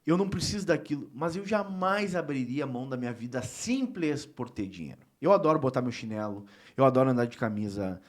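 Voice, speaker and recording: A man's voice: medium pitch, expressive, brisk, hardly any pauses. A man talking as a guest on a talk show, emphatic and heartfelt, loose and informal with the odd swear word. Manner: emphatic and heartfelt, with frequent filler tags. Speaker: guest politician. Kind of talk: casual talk-show conversation.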